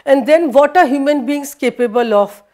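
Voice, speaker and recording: A high-pitched woman, Hindi her first language, lectures a university class haltingly, full of fillers and restarts, and switches into Danish. Her voice is a little mellow, captured by a distant camera across the lecture room.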